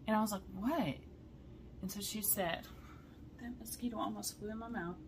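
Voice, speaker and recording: A woman talks straight to her viewers about her stitching projects. She is chatty and excitable, with a mid-pitched voice and plenty of y'alls. A faint hum of room noise sits behind her. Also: brisk. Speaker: cross-stitch vlogger. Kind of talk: casual chat to viewers.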